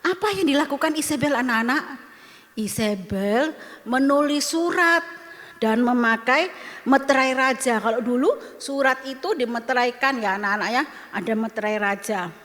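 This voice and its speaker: Sunday school teacher, woman, high voice, animated storytelling to kids, echoey church hall. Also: normal speed. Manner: animated, asks children questions. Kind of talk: storytelling to children.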